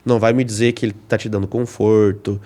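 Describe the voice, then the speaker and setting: A man's voice: lowish voice, little pitch movement, fast talker, dark tone. A man explaining dog training as a podcast guest, teaching with everyday examples and rhetorical questions.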